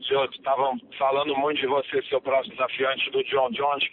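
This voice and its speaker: A man's voice: mid-range voice, level tone, fast. A man working as an interpreter on a telephone press conference call, over a noisy line. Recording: noisy, tinny phone line.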